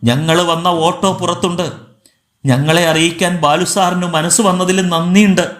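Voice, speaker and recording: A man's voice: high voice, fairly even intonation, moderate pace, a bit bright. A man voicing a humble, heartbroken father who speaks in a subdued, sorrowful way in an audiobook. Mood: quiet sorrow. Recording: echoey room.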